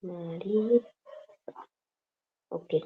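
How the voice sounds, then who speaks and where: A woman's voice: lowish voice, drawn-out words, slightly rough, narrow, tinny audio. A woman teaching a language class over a video call, explaining patiently step by step and checking in with her students often.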